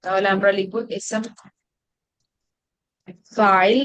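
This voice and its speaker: A woman with a Bangladeshi Bengali accent leads an online grammar class and explains each point patiently. She asks her students questions as she goes. Her voice sits at a middle pitch and sounds dry and close. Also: little pitch movement, takes it slowly, a bit bright, dry recording. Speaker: Arabic grammar teacher.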